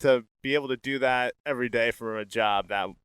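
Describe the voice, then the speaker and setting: A man hosting a podcast, chatting casually with a guest in a relaxed, easygoing way and laughing a lot. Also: medium pitch, a little fast, clean tone, no echo. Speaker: podcast host. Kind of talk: casual interview talk.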